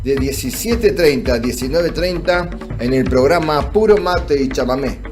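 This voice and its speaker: A man's voice: mid-range voice, normal speed. Radio presenter, man, promo read, faint music bed.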